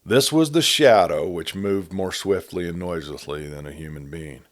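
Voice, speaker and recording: With a very deep voice, a man reads a Western novel aloud, measured and steady like a storyteller at a campfire.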